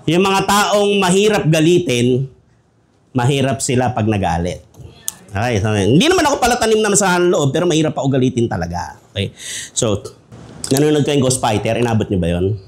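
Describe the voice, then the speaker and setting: A male pastor from the Philippines delivers a humorous sermon in a conversational, joking way. His voice sits high and swings animatedly. A faint hum of room noise lies underneath. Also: sing-song, brisk. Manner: joking, conversational, laughing often.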